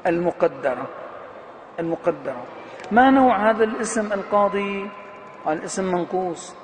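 A man's voice: high voice, expressive, normal speed. A man teaching grammar as a professor in a classroom lecture, who poses questions to his students and answers them himself and stretches out key words for emphasis. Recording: long hall reverb with faint background noise.

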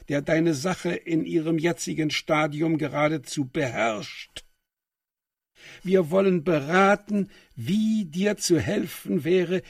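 A slow, husky scolding uncle. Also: male voice, fairly high pitch, darkish tone, dry recording, clean studio sound, recorded from a distance, exaggerated voice. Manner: slow, reproachful lecturing. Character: scolding uncle, anxious and reproachful. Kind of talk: radio play acting.

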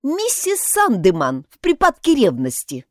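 A woman's voice: high-pitched, huge pitch swings, normal speed, darkish tone, no room sound, clean studio sound, voice pushed up. A woman voicing an emphatic, self-assured young housemaid who loves gossip, in an audiobook. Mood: knowing.

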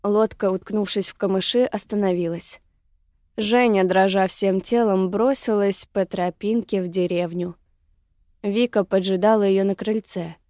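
A woman narrating an audiobook in a steady, even way. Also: medium pitch, unhurried, dry recording, studio quality.

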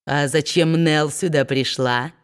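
A woman's voice: deep voice, animated, measured pace. A woman voicing a spiteful, gloating male dwarf moneylender who bullies and mocks with false sweetness. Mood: mock-sweet. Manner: sneering, bullying, mock-sweet.

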